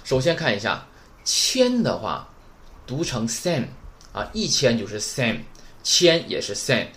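A man's voice: mid-range voice, sing-song, slow, fairly bright tone. A man teaching beginners Japanese numbers in a recorded lesson, drilling each word and constantly checking in with "right?".

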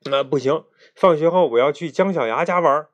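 A man voicing a greedy but honest young schoolboy in a read-aloud children's story, in a bright, childish storybook voice. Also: on the high side, moderate pace, muffled recording, close to an everyday voice. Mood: stubborn.

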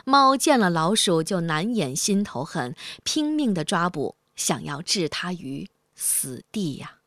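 A woman storyteller and host, giving a clear, expressive scripted narration of a children's folk tale. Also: fairly low pitch, unhurried, no room sound.

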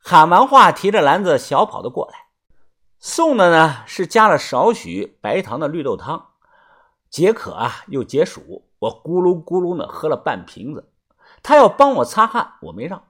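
Man, storyteller, chatty narration, very lively pitch, drawn-out particles. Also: husky. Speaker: audiobook narrator.

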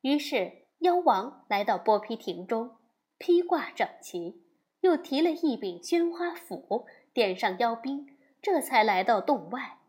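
Slow, expressive woman storyteller. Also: fairly high pitch. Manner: expressive, acts out the characters. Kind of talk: storybook narration.

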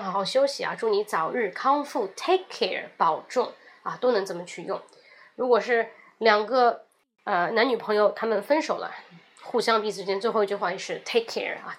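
A young woman teaching beginner English phrases, repeating each one with lively, emphatic drilling and explaining them in between. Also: mid-range voice. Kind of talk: beginner language lesson.

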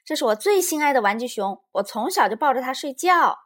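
A woman's voice: high-pitched, lively intonation, fairly quick, voice pushed up. A woman playing a bratty little bear cub girl. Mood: proud. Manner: indignant, shouty.

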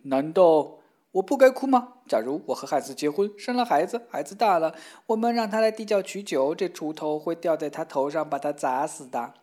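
A woman's voice: on the low side, expressive, moderate pace, a little mellow. A woman voicing a fretful, tearful young woman in a storybook tale, speaking in an anxious, wailing way. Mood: tearful worry.

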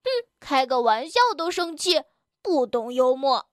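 A woman's voice: sits high, unhurried, no room sound, clean studio sound. A woman voicing a cheeky, fearless male frog in a children's storybook, with a chirpy, teasing and bold manner.

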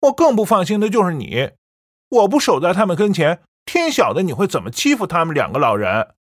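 A woman's voice: on the low side, sing-song, fairly quick, no room sound, clean studio sound. A woman voicing a stubborn young man who talks back bluntly and coldly to his mother. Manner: blunt and cold.

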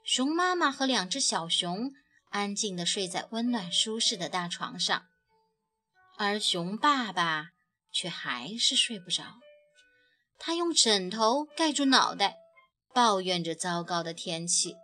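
A woman gently and expressively narrating a children's picture book. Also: mid-range voice, very animated, a little slow. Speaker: storyteller. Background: soft background music.

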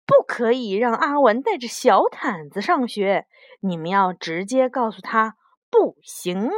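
A woman's voice: on the high side, animated, unhurried, no room sound, studio quality. A woman voicing a bossy, meddling neighbor woman in a children's storybook, in a firm, lecturing tone.

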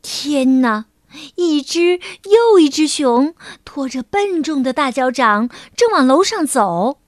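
A woman teacher narrating a children's picture book in a gentle, measured storytelling manner. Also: high voice, expressive, no echo, studio quality.

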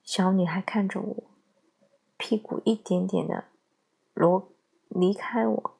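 A woman giving calm, measured scripted narration of a parenting essay. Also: mid-range voice, vocal fry, husky. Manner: slow, measured, calm storytelling.

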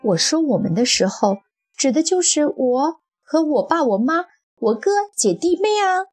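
Woman doing a grown man who never grew up, folksy and defensive, breathy. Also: mid-range voice, expressive, a little slow, darkish tone, soft background music. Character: stubborn bearded husband, childish and defensive.

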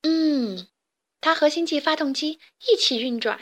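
A woman's voice: high voice, a little slow, fairly bright tone, voice pushed up. A woman voicing a cheerful young male alien chick in a storybook, chirpy, eager and a little proud. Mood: lively. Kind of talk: storybook character voice.

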